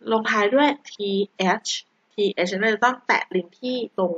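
A woman teacher explaining English words to children, gently repeating each word and coaxing them to spell. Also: on the high side, moderate pace, dry recording, highs cut off. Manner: gentle, repeats words, polite sentence endings.

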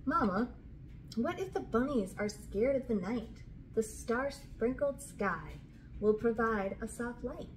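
Her voice fairly high and expressive, a woman in her thirties reads storybooks slowly and chats casually for a children's read-aloud. She's recorded indoors on a camera at roughly arm's length, in a small room with a curtain backdrop. It's a low-quality recording with clear background room noise.

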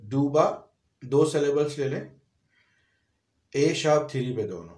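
A man's voice: a little high, lively intonation, unhurried, warm tone, echoey room. A man giving a piano and vocal lesson, explaining notes step by step and singing short phrases between his explanations. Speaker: music teacher. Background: piano playing.

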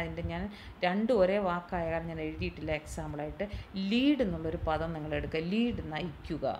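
A woman's voice: lowish voice, darkish tone, slight background noise, low-quality recording. A woman instructor teaching a class in a Malayali English accent, repeating words and spelling them out letter by letter. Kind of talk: classroom lesson explaining English pronunciation. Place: training institute classroom.

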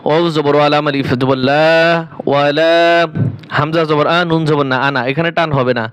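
A man teaching Quran reading, spelling out letters and vowel marks one by one, then chanting each verse in long drawn-out tones. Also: a little high, steady tone, a bit bright, clear, resonant tone.

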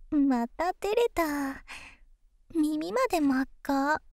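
A woman voicing an affectionate, teasing young girlfriend in an ASMR ASMR role-play, soft and coaxing, intimate pillow talk. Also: high-pitched, lively intonation, extremely slow, no echo, clean studio sound, full character voice. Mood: tender, teasing.

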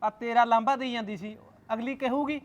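A man's voice: extremely high pitch, fairly even intonation, brisk, lo-fi sound, crowd noise. A man playing a flustered husband who pleads defensively to be heard. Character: flustered husband caught in a quarrel.

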